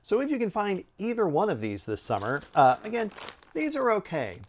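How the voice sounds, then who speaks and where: A middle-aged man giving a casual product review to camera, conversational, with musing pauses and asides. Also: sits high, huge pitch swings, dull audio, slight background noise. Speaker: snack review video host. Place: indoor room with bookshelves.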